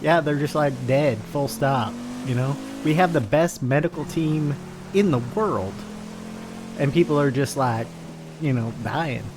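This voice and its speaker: Voicing the awkward, rambling Frank in improvised roleplay, this male streamer speaks at a fairly high pitch and a measured pace in a natural voice. There's noise in the background, and his speech is hesitant and packed with fillers and restarts.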